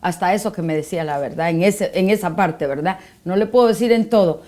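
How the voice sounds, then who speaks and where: A woman's voice: fairly low pitch, a little fast, warm tone. Middle-aged woman telling a heartfelt story. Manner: storytelling, acting out dialogue with her son. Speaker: guest giving testimony. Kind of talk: personal faith testimony.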